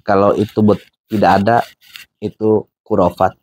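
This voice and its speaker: Casual male reaction host, low voice, dry close mic, sardonic. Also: level tone, normal speed, a little mellow, no room sound. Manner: laughing, sardonic asides to viewers. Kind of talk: casual commentary over a played video.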